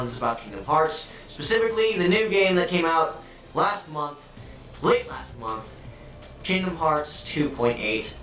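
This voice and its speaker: A man reviewing a video game in a casual, excitable and sarcastic way, swearing freely, his voice doubled into a robotic, phasey sound. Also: fairly high pitch. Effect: doubled, phasey robotic-sounding audio from an editing mistake. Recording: echoey, distant, doubled audio with faint music.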